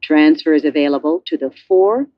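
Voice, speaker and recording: A woman reading scripted subway announcements in a measured, carefully enunciated way, as a transit announcer. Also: sits low, no room sound. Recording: muffled, dull subway announcement audio.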